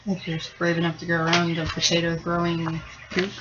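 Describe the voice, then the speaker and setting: A woman player in a casual tabletop role-playing game, asking questions in a relaxed way. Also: brisk. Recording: dull low-fi sound with faint noise.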